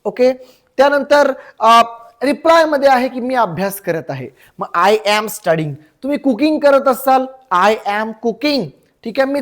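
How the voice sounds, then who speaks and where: Woman teaching english online, bit high voice, casual chatty explaining, drags out the example lines real slow. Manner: casual, chatty explaining, slows right down for model sentences; calls listeners buddy and brother.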